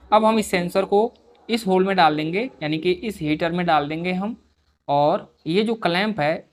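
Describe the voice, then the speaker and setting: A man hosting a repair tutorial, explaining each step patiently as he works and often calling his viewers dear friends. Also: a little high. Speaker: repair video host.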